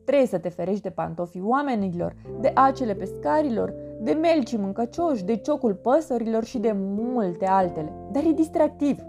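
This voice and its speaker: A cheerful little boy earthworm, as a woman puts him on, brags and tells his storybook adventure. The voice sits fairly high and leaps about with playful energy. Music plays steadily behind him. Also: few pauses. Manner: lively, playful, animated storytelling. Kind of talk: storybook narration in character. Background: background music.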